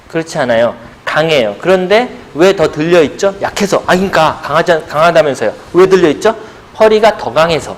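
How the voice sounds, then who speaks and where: Middle-aged guy teaching a pilates seminar, slightly high voice, keeps asking then answering his own questions. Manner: rhetorical questions, answering himself; playful buzzer sound effects. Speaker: pilates instructor. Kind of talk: seminar lecture with audience questions. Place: seminar room.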